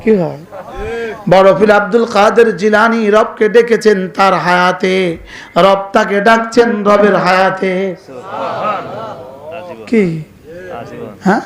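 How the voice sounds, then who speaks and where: A man's voice: sits high, steady tone, slow pace, long pauses. A man preaching a sermon at a home gathering. He chants verses and draws call-and-response replies from the audience. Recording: echoey room.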